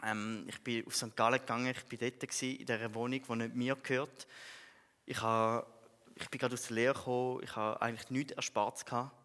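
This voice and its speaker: Young man, Swiss German accent, church testimony, mid-pitched voice, long hall reverb. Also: little pitch movement, fairly quick, fairly bright tone. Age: young adult. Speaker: speaker giving a personal testimony.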